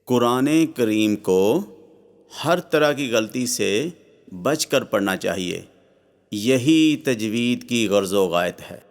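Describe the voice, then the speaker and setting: Smooth-voiced man teaching Arabic letters. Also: on the low side. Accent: Pakistani Urdu. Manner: slow drawn-out recitation of Arabic letters. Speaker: Quran reading teacher. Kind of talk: scripted lesson narration.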